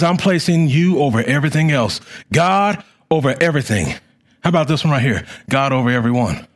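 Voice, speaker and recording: A middle-aged man preaching a sermon as pastor, with a fervent, repetitive cadence that swells loud and drops to quiet. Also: fairly high pitch.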